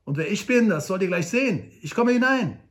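A man voicing a small, excitable, boastful and helpful frontiersman in an audiobook. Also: sits high, fairly quick, voice pushed up.

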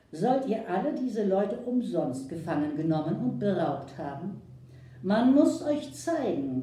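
A woman voicing a calm, firm male frontier hero who gives commands, recorded far from the mic in an echoey room. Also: medium pitch.

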